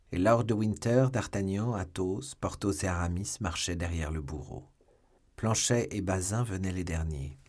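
A man reading a classic novel aloud in a measured, dramatic style. His voice sits low and has a husky, breathy edge. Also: a little mellow. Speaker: audiobook reader. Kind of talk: scripted audiobook narration.

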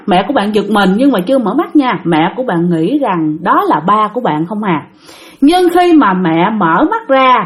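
A young woman narrates a ghost story in a chatty, familiar way. She addresses her listeners directly as she goes. Her slightly high voice rises and falls in a lively way.

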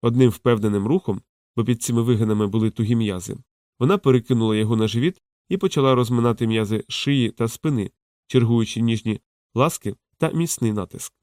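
A man narrating a fantasy audiobook in an even, measured reading. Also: medium pitch, no echo, clean studio sound. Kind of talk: scripted narration.

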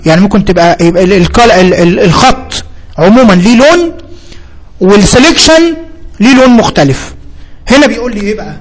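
A man with an Egyptian Arabic accent giving a spoken software tutorial, explaining step by step with repeated terms and hesitant fillers. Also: high voice, poor audio. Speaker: computer instructor.

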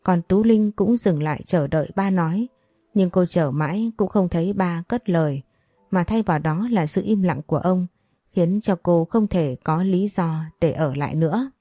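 Woman narrator, storybook reading, mellow low voice, dry close sound, faint music behind. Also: moderate pace, no echo.

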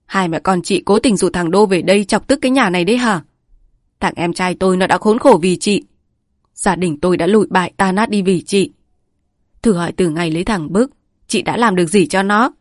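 A woman voicing a bitter middle-aged village man who heads the family, raging in a storybook reading. The voice pushes louder and a little higher than plain narration. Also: brisk, no echo, clean studio sound, lightly acted. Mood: enraged.

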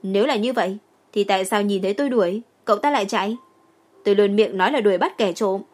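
A woman's voice: medium pitch, quick pace, a little mellow, close to an everyday voice. A woman voicing a brash, cocky young policewoman in an audiobook.

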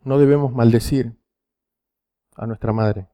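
Argentine preacher, mellow storytelling voice. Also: male voice, mid-range voice, fairly even intonation, unhurried. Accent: Rioplatense Spanish. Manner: storytelling, frequent rhetorical "¿sí?" checks. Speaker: youth preacher. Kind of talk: sermon to teenagers.

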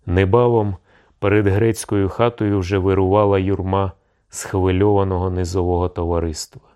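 A man narrating an audiobook in a slow, measured storytelling manner. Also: deep voice, flat delivery, mellow.

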